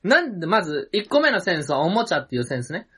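A man's voice: high voice, big pitch swings, quick pace, fairly bright tone, slightly rough. A man in his twenties co-hosting a podcast, arguing his point in insistent, playfully stubborn banter. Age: 20s. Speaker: podcast co-host. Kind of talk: casual comedic banter.

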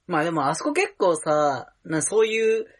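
A young man co-hosting a podcast in casual chat, teasing his partner with quick retorts. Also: fairly high pitch, very animated. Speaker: podcast co-host.

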